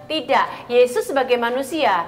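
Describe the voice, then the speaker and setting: A woman's voice: a little high, moderate pace. A female pastor teaching in a conversational sermon style, explaining earnestly and affirming her co-host often. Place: coffee lounge.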